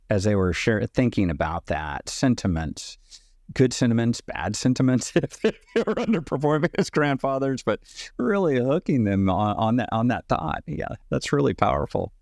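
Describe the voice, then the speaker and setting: Enthusiastic low-voiced male host. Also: darkish tone, no room sound, studio quality. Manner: enthusiastic, affirming, laughs often. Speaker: podcast host. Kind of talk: interview chat.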